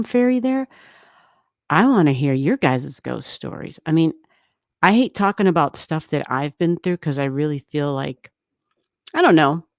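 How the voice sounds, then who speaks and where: This woman's voice sits low, and the sound is clean and studio-like with no echo. Streaming astrology content from an unsoundproofed room in her home, she chats loosely with viewers, wanders off topic, and laughs a lot, using a desk mic set to half volume.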